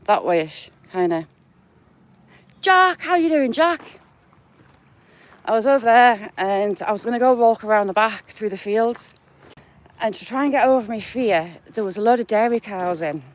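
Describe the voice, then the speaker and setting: A woman's voice: a little high, animated, moderate pace, long pauses. A woman with a northern English accent, chatting to her viewers by name while walking outdoors in the countryside. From England. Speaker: vlogger. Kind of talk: casual live-chat walk vlog.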